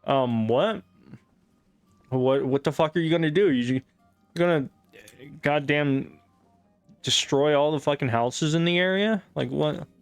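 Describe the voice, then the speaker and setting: A man's voice: on the high side, unhurried, pauses often, clean tone, no room sound, soft background music. A man giving casual, rambling gameplay commentary, sarcastic and full of swearing. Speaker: gamer.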